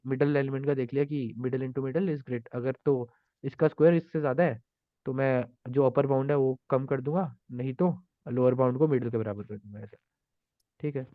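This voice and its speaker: A man's voice: mid-range voice, no room sound. A man walks through programming contest solutions, thinking aloud with many fillers and restarts. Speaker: programming tutor. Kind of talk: explaining contest solutions live. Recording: dry, phone-like narrow sound.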